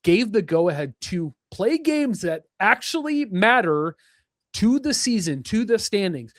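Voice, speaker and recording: Young guy ranting about sports on a podcast, slightly high voice, dry close mic. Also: unhurried, dry recording. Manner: animated, ranting, many fillers. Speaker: podcast co-host. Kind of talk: casual sports chat.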